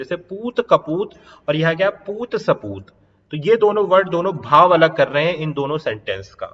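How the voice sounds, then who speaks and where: A man teaching an exam-prep grammar lesson, repeating key points, checking if students follow, and reading examples slowly. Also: on the high side, bright, forceful tone, big-room sound, lo-fi sound. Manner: repetitive, checks understanding, drawn-out example lines.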